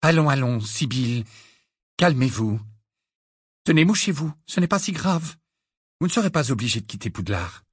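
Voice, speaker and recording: A man's voice: medium pitch, expressive, moderate pace, long pauses, breathy edge, no room sound, studio quality. A man reading an audiobook, voicing a firm, comforting older female witch teacher. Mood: soothing. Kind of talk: audiobook character voice.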